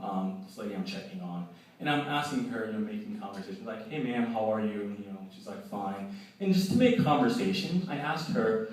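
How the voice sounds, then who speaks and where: Animated young man doing stand-up. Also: on the low side. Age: 20s. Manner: animated storytelling, voicing people in quoted lines. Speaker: stand-up comedian. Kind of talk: stand-up comedy set. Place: law school event hall with live audience. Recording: very echoey hall, voice from a distance.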